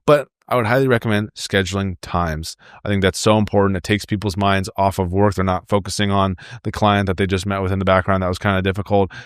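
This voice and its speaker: A man's voice: deep voice, steady tone, fast, hardly any pauses, clean tone, dry recording, studio quality. Upbeat man hosting a solo podcast. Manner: friendly, upbeat, speaks directly to listeners. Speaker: podcast host. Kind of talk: solo podcast advice talk.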